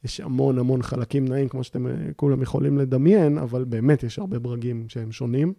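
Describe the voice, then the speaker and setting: A man with a gravelly, very dark voice speaks as a podcast guest in casual conversation. He talks haltingly and often pauses to search for words. The recording is close and dry. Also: mid-range voice, dry recording. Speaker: podcast guest, memorial project organizer.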